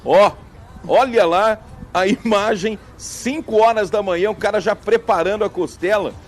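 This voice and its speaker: A man reporting live outdoors from a farm fair, joking and teasing his guests with quick questions. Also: high voice. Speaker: field reporter and host.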